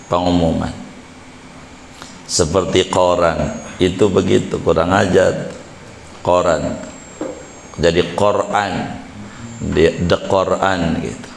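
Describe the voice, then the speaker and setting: A man's voice: low voice, vocal fry, slight background noise. A man preaching in a chatty, joking way, drawing out words and explaining with asides. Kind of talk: casual religious lecture. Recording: echoey hall with faint ambience.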